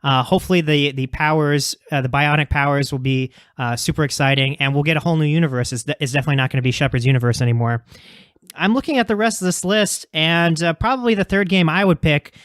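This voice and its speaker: A man's voice: fairly high pitch, fast, a bit bright, dry recording, studio quality. A man co-hosting a casual video game podcast, talking enthusiastically with lots of fillers and restarts. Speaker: podcast co-host.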